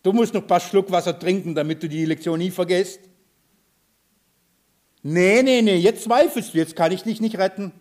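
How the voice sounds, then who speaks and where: A man's voice: sits high, fairly even intonation, fast, few pauses, a little mellow, natural voice. A man voicing a savior who scolds in an emphatic, insistent way. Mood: scolding. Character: Jesus, mocked as a scolding stern savior.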